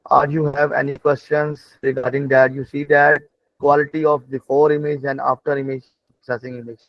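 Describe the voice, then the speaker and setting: Demonstrating on screen during a live online lesson, a non-native English-speaking man explains things haltingly, repeats himself and keeps asking whether people are keeping up. His voice sits in the mid range with little pitch movement. The online call audio is dull and lo-fi.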